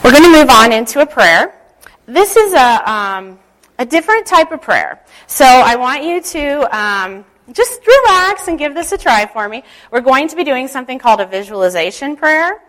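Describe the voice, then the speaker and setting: Woman, fairly high voice, church speaker, gentle and unhurried, devotional teaching and guided prayer. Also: sing-song, poor audio.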